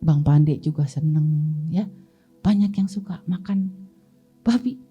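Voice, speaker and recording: A woman's voice: sits low, slow pace, breathy edge, dull audio, soft background music. A woman Sunday school teacher with an Indonesian accent, telling children a Bible story and asking them questions along the way. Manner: lively, asks the children questions and answers them.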